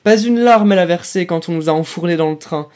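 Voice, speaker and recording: A man voicing a shrill, shattered young officer. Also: normal speed, husky. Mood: bitter anguish. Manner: shrill, feverish, broken outbursts. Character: shattered young male officer, bitter, near hysterical.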